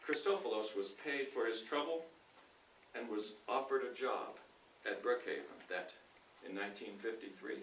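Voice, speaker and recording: A man giving a deliberate, emphatic reading of nonfiction to a live audience, pausing between short phrases. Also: medium pitch, a bit bright. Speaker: speaker in a dramatic reading contest. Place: indoor room at a speaking club meeting. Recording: roomy, distant mic with faint noise.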